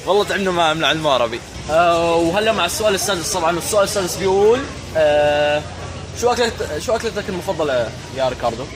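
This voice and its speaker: A teenage boy with a Levantine Arabic accent, chatting casually and playfully as a vlog host and interviewer. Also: fairly high pitch. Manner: playful, repeats and comments on answers. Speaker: vlogger and interviewer. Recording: noisy public place with urban sounds.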